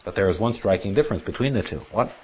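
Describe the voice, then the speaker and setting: A man's voice: on the low side, animated, very fast, breathy edge. A man teaching a Bible class, reading scripture aloud and asking his listeners earnest rhetorical questions. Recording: dull lo-fi recording.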